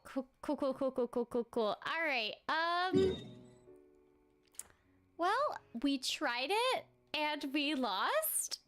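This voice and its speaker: A streamer who also does voice acting talks casually to her game stream viewers, putting herself down and using lots of fillers over game music. Her high, slightly bright voice is very animated but slow.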